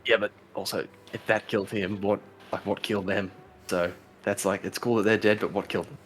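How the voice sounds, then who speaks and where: Fast-talking man playing a tabletop game. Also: lowish voice, slight background noise. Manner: quick, excitable, questioning. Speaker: player. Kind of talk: casual tabletop play.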